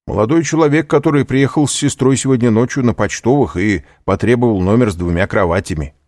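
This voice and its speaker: A man's voice: medium pitch, fast, darkish tone, no room sound, studio quality, pitched above the performer's own voice, close to an everyday voice. A man voicing an eager, helpful innkeeper who explains things in a storybook reading.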